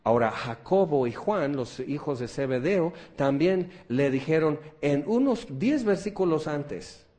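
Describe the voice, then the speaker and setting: A man's voice: on the high side, expressive, a little slow, mellow. A man preaching a conversational sermon, asking rhetorical questions and adding jokes.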